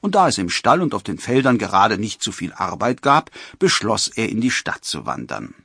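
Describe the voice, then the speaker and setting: A man narrating a storybook in an expressive reading. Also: fairly low pitch, normal speed, gravelly, husky, no room sound, clean studio sound.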